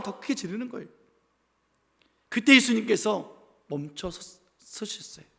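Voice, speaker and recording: A man's voice: sits high, creaky, a bit bright. A pastor from the capital region preaching a sermon with emphasis, leading the congregation in call-and-response and acting out the voices in his telling. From Seoul capital region. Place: church sanctuary, indoors. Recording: long reverb of a church sanctuary.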